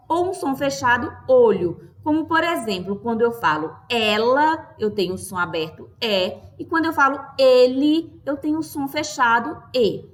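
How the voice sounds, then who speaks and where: A woman teacher giving a lesson, speaking slowly and clearly, stressing each word and checking in with her class. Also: on the high side, a bit bright.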